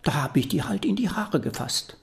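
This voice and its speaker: A fussy, scolding old grandmother, as a storyteller puts her on, her voice pitched high above his own and often sinking into a hushed half-whisper. She chides and coaxes in a gravelly, slow storybook manner, her melody rising and falling widely. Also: big pitch swings. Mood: coaxing.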